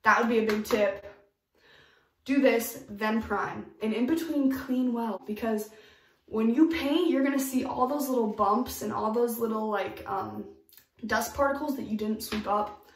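A chatty young woman talks through her DIY tips in an upbeat, emphatic way. Her voice sits a little high, and the bathroom adds a roomy echo. She sounds slightly off-mic. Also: measured pace, far from the mic, a little hiss or hum. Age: young adult. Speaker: DIY vlogger. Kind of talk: casual tips vlog. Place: home bathroom, indoors.

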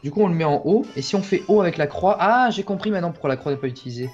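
Quick, lively young man on a muffled mic. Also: high-pitched. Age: young adult. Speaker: video game player and co-host. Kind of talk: casual gaming commentary, reading game dialogue aloud. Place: small room at home, on webcam. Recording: muffled lo-fi mic, game music behind. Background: video game music.

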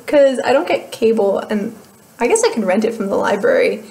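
In this home webcam recording from a small room, a young Midwestern beauty vlogger gives a chatty product update. Her voice sits on the high side, animated, brisk and a little mellow, and she rambles and laughs at herself along the way.

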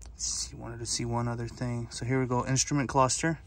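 A man's voice: mid-range voice, a little fast, slight background noise. Mechanic guy chatting casually while he pokes at a scan tablet in the car, laid-back, some ums. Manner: relaxed, matter-of-fact, with fillers. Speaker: auto mechanic reviewing a scan tool. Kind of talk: casual hands-on demo narration. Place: inside a car in a workshop.

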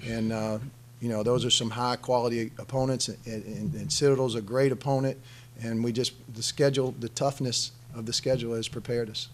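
A man's voice: mid-range voice, steady tone, a little fast. A middle-aged man, a head basketball coach, answering press conference questions emphatically, often restarting and repeating his phrases into a desk microphone. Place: press conference room, seated at table. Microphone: desk microphone on stand.

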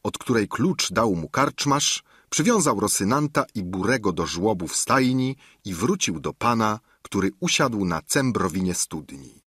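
A man's voice: fairly low pitch, lively intonation, a little slow, fairly bright tone, slightly rough, no room sound, studio quality. A man reading a classic novel aloud as an audiobook narrator.

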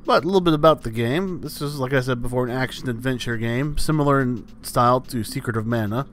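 A man's voice: mid-range voice, quick pace, a bit bright, slight background noise. A man commenting on a video game as he plays it, with dry, wry humor and meandering asides. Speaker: let's play host. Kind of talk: gameplay commentary.

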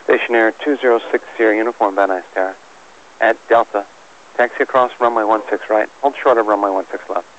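Fast, low-voiced male tower controller on radio. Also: fairly even intonation, fairly bright tone. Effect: air band radio. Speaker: airport tower air traffic controller. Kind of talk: clipped air traffic instructions. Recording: muffled radio with faint static.

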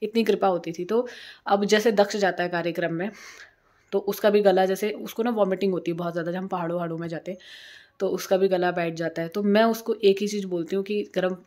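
A woman's voice: mid-range voice, fairly even intonation, fast talker, a little mellow. A woman in her thirties chatting casually to camera as a home vlogger, rambling and repeating herself. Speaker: vlogger and single mother. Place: indoors by a sunny window at home.

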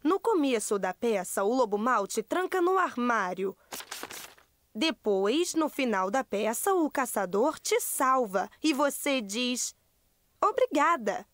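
Cartoon mother rabbit, high, lively, patient, dry close sound. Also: takes it slowly, no room sound, full character voice. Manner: patient, explaining.

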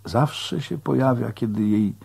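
A man's voice: medium pitch, a little slow, gravelly, darkish tone, slightly rough. A man narrating a first-person audiobook in a plain-spoken, colloquial way.

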